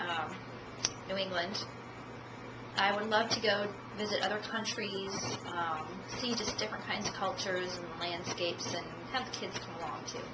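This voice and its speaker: A woman in her thirties from the United States giving a self-introduction speech for a class, measured and dotted with ums and uhs, recorded on a camcorder. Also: mid-range voice. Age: 30s. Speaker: student. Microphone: camcorder at a distance. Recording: echoey room, distant camcorder, audible noise.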